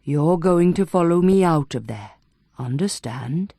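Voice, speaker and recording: Steady, soft-spoken man, put on by a female narrator, lowered deep voice, unhurried and coaxing. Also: dry recording, studio quality, exaggerated voice. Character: calm steady man guiding a hypnotized patient.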